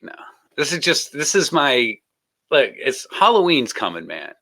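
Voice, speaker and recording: Hosting a casual live stream, a man greets his guests with jokes, rambling loosely and often breaking into laughter. His mid-range voice is bright and open, with big pitch swings at a measured pace.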